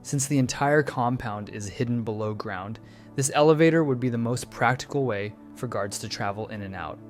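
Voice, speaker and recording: A man's voice: medium pitch, normal speed, faint music behind. A man hosting his channel, giving a scripted, analytical video-essay narration that keeps posing questions and answering them. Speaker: channel host breaking down a trailer.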